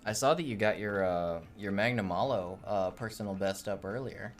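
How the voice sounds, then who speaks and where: A man's voice: fairly low pitch, moderate pace. A man co-hosting a gaming livestream, chatting casually and greeting viewers by name, often tripping over how to say them. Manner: upbeat, greets chat by name, stumbles on names. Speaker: streamer co-host.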